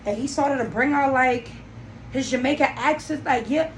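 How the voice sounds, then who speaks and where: A young woman from Trinidad hosting a solo podcast, telling her story in a blunt, animated way and swearing freely. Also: high-pitched, moderate pace. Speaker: podcast host. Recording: echoey room, faint background noise.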